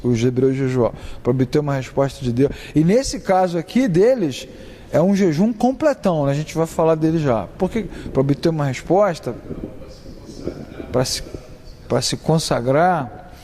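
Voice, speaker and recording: A man leads a Bible class, speaking in a rather high voice and keeping it conversational by quizzing his students. His talk rings out with a long reverb, as in a classroom or church hall. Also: expressive, normal speed, warm tone, a little hiss or hum. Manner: conversational, asks the class questions, acts out examples. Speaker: Bible study teacher.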